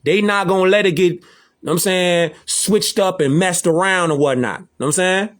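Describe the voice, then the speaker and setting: A man's voice: high voice, moderate pace, a bit bright. A man giving preachy commentary in casual slang, emphatic and repetitive.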